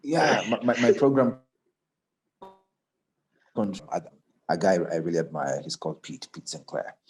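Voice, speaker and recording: A man working as a radio announcer, telling stories from his career in a casual interview, often repeating words as he starts. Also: unhurried. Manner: animated storyteller, acts out quoted voices higher and louder.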